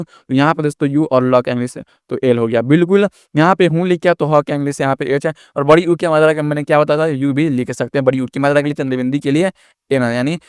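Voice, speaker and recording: A man's voice: a little high, clean tone, dry recording, clean studio sound. A man teaching a lesson step by step, repeating himself and asking the listener rhetorical questions. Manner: repetitive, constantly asks rhetorical questions. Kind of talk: screen-recorded lesson.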